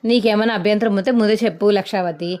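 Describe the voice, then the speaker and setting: A woman voicing a brash young man who shouts and taunts his family. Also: mid-range voice, fast talker, lightly acted. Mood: combative. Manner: loud, taunting.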